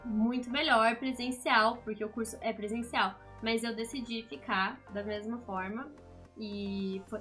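A woman in her twenties with a Brazilian accent and a raspy, smoker-like voice, chatting in a rambling way to camera as a vlog host. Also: on the high side, pushed and bright. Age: 20s. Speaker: video channel host, games student. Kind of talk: casual vlog talk to camera. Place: small indoor home room.

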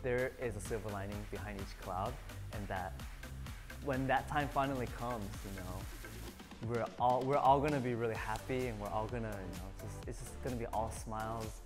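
A man's voice: fairly low pitch, normal speed. Korean-native guy in his 20s answering interview stuff, earnest, lots of you know, music playing under. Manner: earnest, many fillers. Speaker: band member guest. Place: bright studio with a group.

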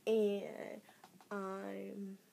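A young woman vlogging casually, excitable and exclaiming as she thinks aloud while reading out results. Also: medium pitch, extremely slow, vocal fry, slight background noise. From Trinidad. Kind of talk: casual vlog, reacting to results.

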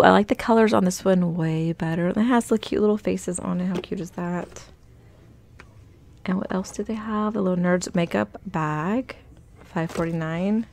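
A shopping vlogger walks through a large retail store, chatting in a relaxed, upbeat way while pointing out items and reading out prices. Her voice is a little low, with a gravelly, fry-laden edge. It sounds captured on a handheld phone inside the shop.

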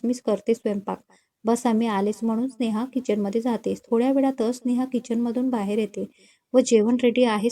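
A woman with a fairly high, mellow voice narrates a romantic story, reading every character's lines herself. She barely changes her voice for the dialogue.

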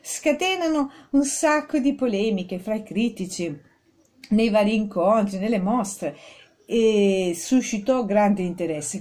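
A woman giving a spoken art history lesson, informal, with many fillers and restarts, stressing key words with rising pitch. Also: warm tone. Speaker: art teacher.

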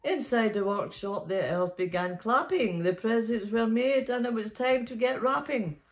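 Sitting up in bed in a small bedroom, a middle-aged woman hosts story time, reading a children's picture book aloud. Her voice is on the high side and her speed normal, with faint music behind her.

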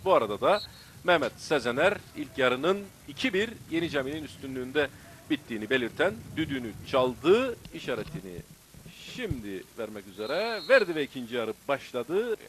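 A man's voice: mid-range voice, normal speed, poor audio. Male football commentator, live play-by-play breaking into screamed calls, faint background noise. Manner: bursts into loud, excited shouting at key moments.

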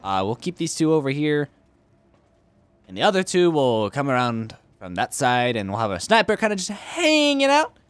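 There's no echo on this clip of a young man hosting a let's play, his medium-pitched voice swooping wildly at a moderate pace. He jokes around while casually commenting on his strategy game, arguing with himself in goofy voices.

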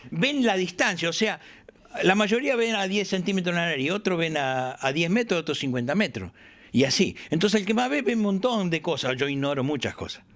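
An older man with an Argentine accent, chatting in his workshop as an interviewee and telling stories animatedly, acting out the dialogue he quotes. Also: fairly high pitch. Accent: Argentine Spanish. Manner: animated storyteller who acts out quoted dialogue. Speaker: aircraft builder interviewee.

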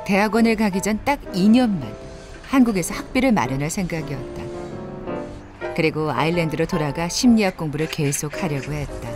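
A woman narrating a documentary in a measured, expressive way. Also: on the low side. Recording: narration over background music.

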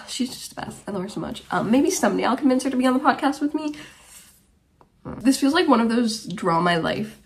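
With a creaky, mid-range voice, a podcast host around twenty from Germany chats to camera in a small bedroom. Her talk is casual and rambling, full of tangents.

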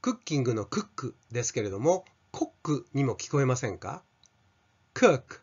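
A man's voice: medium pitch, very animated, quick pace, a little mellow, breathy edge. An older Japanese man teaching an English pronunciation lesson, carefully modelling sounds for students to repeat. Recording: slightly dull lo-fi sound.

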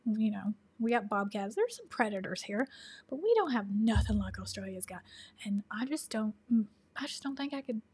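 A chatty woman with a Tennessee Southern accent hosts a casual livestream and answers viewer questions. She laughs often and slips into soft asides. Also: mid-range voice, expressive, normal speed, breathy edge. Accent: Southern American (Tennessee).

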